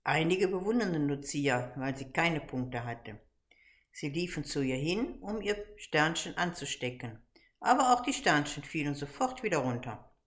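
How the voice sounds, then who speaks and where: A woman with a low voice reads a children's story aloud. She keeps a calm, even pace throughout. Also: moderate pace. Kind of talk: storybook reading.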